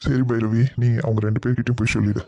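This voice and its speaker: A man voicing a calm, steady family man. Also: medium pitch, fast, creaky, no room sound. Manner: calm, reassuring. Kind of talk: cartoon web series voice acting. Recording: dull lo-fi recording.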